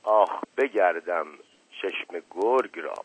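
A man's voice: deep voice, slightly rough, dry recording, pitched below the performer's own voice. Sly, flirtatious teasing nobleman, read by a man. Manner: mumbling asides, mock piety, teasing. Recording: dry, tinny lo-fi radio recording.

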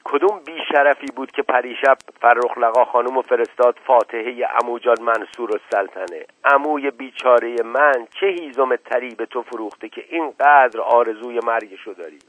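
Man doing a shouting, furious bandaged man. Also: mid-range voice, hardly any pauses, dry recording, natural voice. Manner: shouting, indignant. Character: enraged bandaged middle-aged man. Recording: tinny dry radio recording.

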